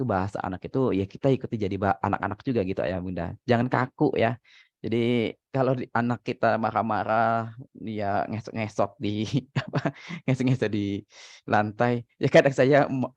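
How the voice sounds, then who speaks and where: A man's voice: mid-range voice, darkish tone, dry recording. Chatty, laughing man on a dull dry recording. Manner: chatty, laughs often, frequent fillers. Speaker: parenting speaker, father. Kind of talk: casual advice talk.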